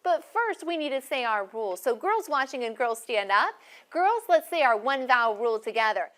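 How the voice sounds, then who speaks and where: A woman teaching a first-grade phonics lesson in a classroom, speaking slowly and clearly with encouragement. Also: high-pitched, very animated, a bit bright.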